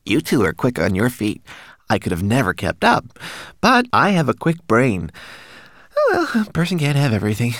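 A man's voice: medium pitch, wildly swooping pitch, normal speed, a bit bright, no room sound, clean studio sound, voice pushed up. A man voicing a tiny, polite and clever male homunculus who is timid and courteous, a little conceited.

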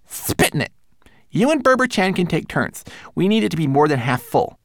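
A man voices a small, fussy male homunculus in a prim, precise way, pitching his voice fairly high, above his own natural register. He's very animated and speaks at normal speed in a dry, studio-quality recording.

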